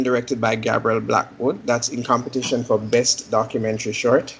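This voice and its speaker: A man hosting an online meeting, listing films in a relaxed, hesitant way with lots of fillers. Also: mid-range voice, gravelly, slight background noise, rough recording. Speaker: meeting host. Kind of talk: casual meeting announcements.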